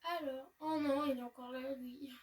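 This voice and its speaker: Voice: sits high, steady tone, normal speed, far from the mic. A gamer casually commenting while playing and joking about their own accent. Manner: jokey, self-mocking about own accent. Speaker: gamer reading game dialogue aloud. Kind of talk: casual let's play commentary.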